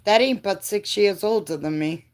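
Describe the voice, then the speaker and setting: A livestream host in her fifties chats casually with her live viewers, answering their comments and laughing often. Her voice is mid-range and her pace is normal.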